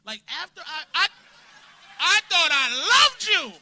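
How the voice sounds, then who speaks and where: A man doing a crude, confrontational stand-up set in a comedy club, bursting into shouts at hecklers. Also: extremely high pitch, big pitch swings, unhurried.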